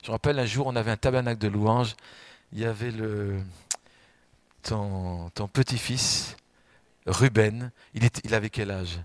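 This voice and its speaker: A man preaching a sermon, swinging between loud emphatic outbursts and quiet asides and putting questions straight to the congregation. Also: fairly low pitch, steady tone, normal speed, long pauses, dry recording. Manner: addresses the congregation directly with questions.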